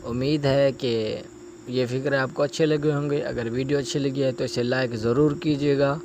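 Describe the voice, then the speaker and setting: A male teacher giving a spoken lesson, pausing to say each example phrase slowly and carefully. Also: mid-range voice, steady tone, a little mellow, slight background noise. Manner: slow, drawn-out modeling of example phrases. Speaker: language teacher.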